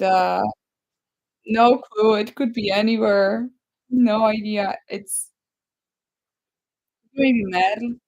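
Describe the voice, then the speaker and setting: Chatty woman with a gravelly voice. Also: mid-range voice, no echo, rough recording. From Poland. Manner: rambling, chatty, reads viewer comments aloud. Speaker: livestream host. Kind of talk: casual live chat with viewers.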